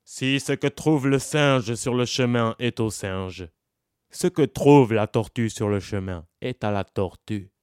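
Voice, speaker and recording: A man voicing a stern, fair-minded male judge in a storybook, speaking in a measured way. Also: medium pitch, a little mellow, clean tone, no echo, clean studio sound, close to an everyday voice. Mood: solemn.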